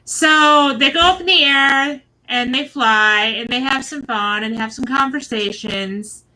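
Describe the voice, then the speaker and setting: A woman from Michigan casually recaps a reality show, rambling along with plenty of fillers and side comments. Her voice is bright and sits a bit high, and she takes her time, talking at an unhurried pace. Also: rough recording. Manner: chatty and rambling, with many fillers and asides. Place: at home with her husband nearby.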